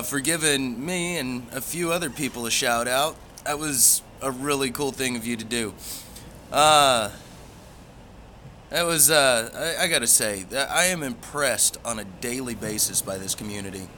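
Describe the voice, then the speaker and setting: Guy doing a laid back rambly livestream chat, folksy, brightish voice, bit of noise behind him. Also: medium pitch. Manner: rambling, easygoing, folksy phrasing. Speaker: pipe hobby vlogger.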